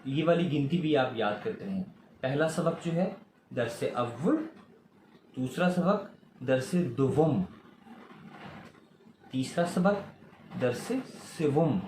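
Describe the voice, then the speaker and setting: A man with a Pakistani Urdu accent teaching a recorded lesson to children, patiently repeating each word slowly and asking questions back. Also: mid-range voice, darkish tone. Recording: echoey room, faint ambient noise.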